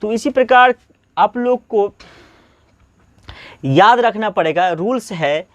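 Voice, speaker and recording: In a classroom-style spoken lesson, a man teaches English pronunciation by drilling repetitively, asking questions and then answering them himself. His high voice has lively intonation and a slow pace, with no room sound, though the recording is muffled.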